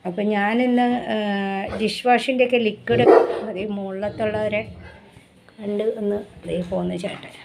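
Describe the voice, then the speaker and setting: A woman chatting casually to her viewers about her home chores, often cooing to her pet dog in a high sing-song voice. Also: fairly even intonation, normal speed, creaky, heavy background noise. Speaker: vlogger. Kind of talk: casual home vlog chat.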